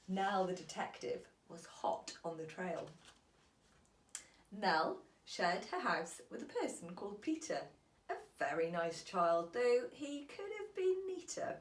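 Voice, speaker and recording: In a roomy-sounding space, a medium-pitched woman reads a children's storybook aloud like a teacher, using an expressive, deliberate storytelling style.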